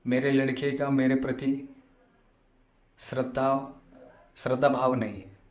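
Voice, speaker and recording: A man's voice: mid-range voice, little pitch movement, slow. A man giving a devotional discourse as a spiritual storyteller, explaining and repeating phrases for emphasis. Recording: echoey room sound.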